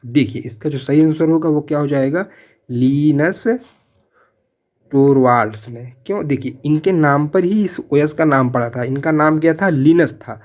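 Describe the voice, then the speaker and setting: A man with a medium-pitched, somewhat dark voice teaches a quiz-style exam-prep lesson on a lo-fi recording. He reads each question and its options aloud, then repeats the answer several times. He addresses his viewers as friends.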